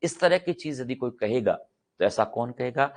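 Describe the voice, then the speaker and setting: A man's voice: mid-range voice, expressive, moderate pace. A middle-aged man teaching English grammar in a classroom-style lecture. He asks questions and answers them himself, and he repeats example sentences several times for practice.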